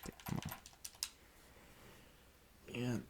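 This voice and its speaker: A man casually rambling in an offhand, deadpan way while he plays a video game, often restarting his sentences. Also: drawn-out words, background noise. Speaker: solo podcaster playing a video game.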